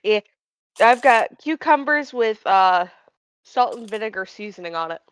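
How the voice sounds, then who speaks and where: A woman's voice: medium pitch, animated, measured pace, clear, resonant tone. A woman player chatting casually during a break in a tabletop game stream, talkative and giggly. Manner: chatty, giggly, talks around snacks.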